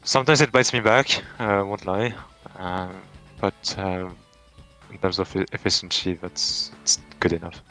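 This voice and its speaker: A man's voice: low voice, steady tone, unhurried, bright, forceful tone, faint music behind. A man with a French accent, answering interview questions in a casual, thoughtful way with frequent restarts and fillers. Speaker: tournament champion guest.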